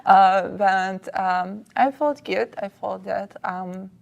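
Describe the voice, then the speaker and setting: Slow, gravelly Czech woman, Czech native. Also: mid-range voice, fairly even intonation, a little mellow, lo-fi sound. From Czech Republic. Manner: slow and hesitant, many fillers. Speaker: guest. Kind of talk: casual interview.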